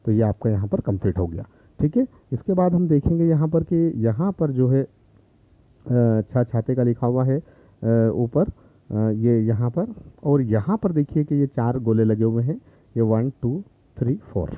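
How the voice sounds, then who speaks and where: A man teaching a Hindi lesson online to young children, patiently repeating each syllable, with many drawn-out filler pauses. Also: mid-range voice, lively intonation, dry recording, narrow, tinny audio. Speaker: primary school teacher.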